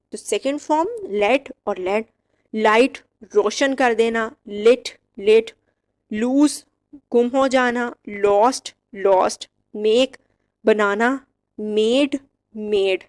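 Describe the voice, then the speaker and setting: A woman teaching English verb forms, reciting each word slowly and clearly with short explanations. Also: a little high. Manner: slow, drilled word-by-word recitation. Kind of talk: vocabulary lesson.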